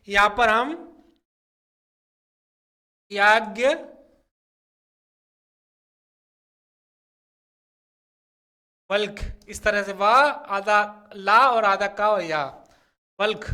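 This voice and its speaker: A young male teacher with a high, bright voice talks at an unhurried pace, working through spelling questions for exam students. He stretches key words out slowly and keeps checking in with a quick "okay" before moving on. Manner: repeats words slowly and drawn out, fills with "theek hai". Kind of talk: explaining spelling questions from a whiteboard.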